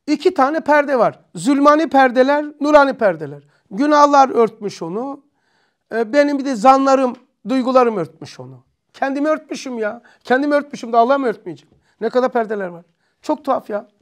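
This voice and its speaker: A Turkish-accented man teaching an informal religious study class, thinking aloud and asking himself questions. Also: very high voice.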